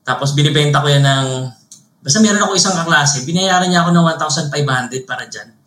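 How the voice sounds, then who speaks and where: Brief: a man with a Filipino accent, animated guest storyteller, bright and somewhat high, recorded in a roomy space. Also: quick pace. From Philippines. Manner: animated storyteller, mixes Tagalog and English, tags phrases with "no?". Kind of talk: casual interview storytelling. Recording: roomy echo.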